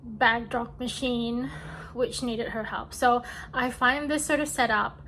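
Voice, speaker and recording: A woman's voice: a little high, steady tone, slow, fairly bright tone, rough recording. A woman narrating a travel vlog as a voice-over, telling her own experience. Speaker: travel vlogger. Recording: faint background noise.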